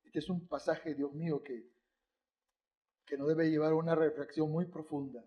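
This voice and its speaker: A man's voice: on the high side, level tone, moderate pace, muffled recording. A male pastor preaching a sermon, telling a personal story and asking the congregation rhetorical questions.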